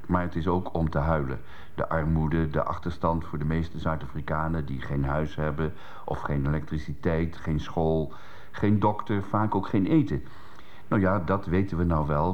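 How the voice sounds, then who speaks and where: A man's voice: sits low, lo-fi sound. A man reading a radio column from a radio studio with wry, sarcastic asides, heard on an old worn tape.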